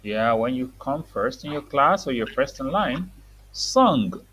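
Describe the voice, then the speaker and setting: A very low, husky woman's voice reading words to a small child. Her pitch moves up and down in a lively way as she prompts repetition and explains each word in simple, everyday terms. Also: measured pace, poor audio. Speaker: reading teacher.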